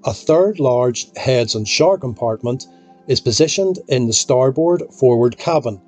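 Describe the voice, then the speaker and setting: A man reading scripted documentary narration in a measured, explanatory way. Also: medium pitch, lively intonation, darkish tone. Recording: voice-over with faint music behind.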